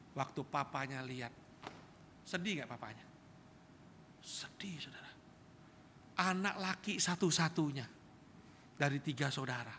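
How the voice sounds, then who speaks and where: A man's voice: high-pitched, a little hiss or hum. A middle-aged man preaching a sermon, telling vivid stories and constantly calling out to his congregation. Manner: storytelling, animated, addresses congregation as "saudara". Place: large church hall. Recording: reverberant church hall.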